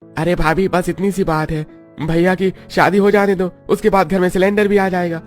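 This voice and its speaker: A man voicing a cheerful young brother-in-law in an animated cartoon, sounding upbeat and reassuring. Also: high-pitched, normal speed, faint music behind, pitched above the performer's own voice, lightly acted.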